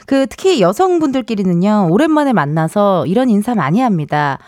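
Woman, radio host, casual playful chat, laughs often, lively pitch, dry close studio mic. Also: brisk, no room sound. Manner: chatty, playful, laughs often, acts out quoted lines. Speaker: radio show host and comedian. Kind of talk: casual radio talk, reading listener messages.

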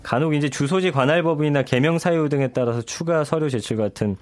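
A man's voice: fairly high pitch, fast talker. A man in his thirties, a guest on a radio show, explaining things conversationally with many fillers. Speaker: guest commentator.

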